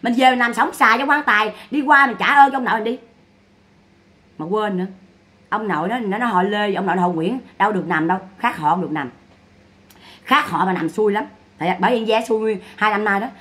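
A woman's voice: medium pitch, fairly quick, fairly bright tone. A woman giving mocking, scolding gossip commentary. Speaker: online commentator.

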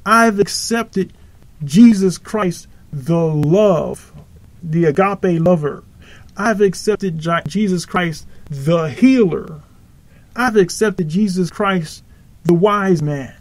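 A man informally preaches on his own podcast through a home podcast microphone, speaking slowly in a high voice with no echo. He's earnest but rambling, correcting himself as he goes.

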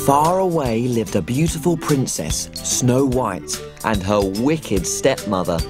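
Tiny bubbly female cook; very lively pitch, unhurried delivery, kids' TV with music under. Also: heavily acted. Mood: storytelling. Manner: bubbly, giggly, sing-song. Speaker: children's TV presenter. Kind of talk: children's TV acting and storytelling.

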